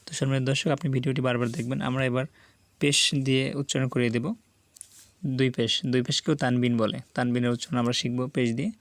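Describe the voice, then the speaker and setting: A man with a Bangladeshi Bengali accent teaching Quran reading. He spells out syllables slowly and deliberately, and asks the viewers to repeat after him. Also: medium pitch, little pitch movement, no echo. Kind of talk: slow spelled-out recitation lesson.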